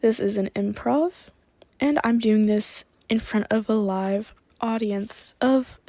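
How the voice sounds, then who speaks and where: A woman improvising recreational hypnosis suggestions in a casual, gently playful way. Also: fairly high pitch, vocal fry, no echo. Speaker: hypnotist performing for a live online audience.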